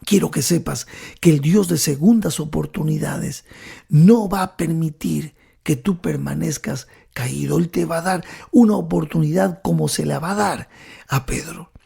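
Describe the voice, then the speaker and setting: A man preaching a sermon, telling the story dramatically and often dropping to a hushed whisper while speaking directly to the listener. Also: a little high, measured pace, gravelly, breathy edge.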